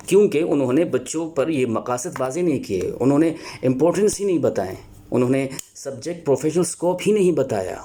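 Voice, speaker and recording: A man lecturing as a teacher, earnest and explanatory, pausing often to find his words. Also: fairly high pitch, mellow, a little hiss or hum. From Pakistan. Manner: earnest, explanatory, with many filler pauses and restarts. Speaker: Urdu teacher. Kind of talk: spoken lecture on teaching Urdu.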